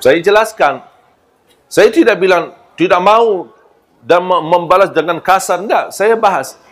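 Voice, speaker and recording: In a high-sitting, unhurried voice, an Arabic-accented man delivers a sermon laced with humor. He brings stories to life by acting out quoted voices and bantering with his listeners.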